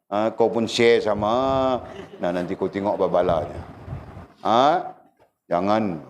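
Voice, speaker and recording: Low-voiced ustaz teaching a class. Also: male voice, slow pace. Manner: animated, often checks the class with rhetorical questions. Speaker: religious teacher. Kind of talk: religious lecture.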